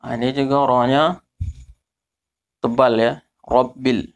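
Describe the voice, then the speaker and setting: Slow-paced man teaching recitation. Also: mid-range voice, a bit bright. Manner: slow, drawn-out demonstration of letter sounds, repeating syllables. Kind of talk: teaching Quran pronunciation.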